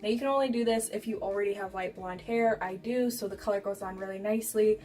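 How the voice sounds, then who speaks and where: Brief: young adult American woman, candid casual vlogger storyteller, middle-pitched, recorded at a distance with music behind. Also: fairly even intonation, fast, a little mellow. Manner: candid, giggly, swearing freely, acts out quoted dialogue. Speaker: beauty vlogger.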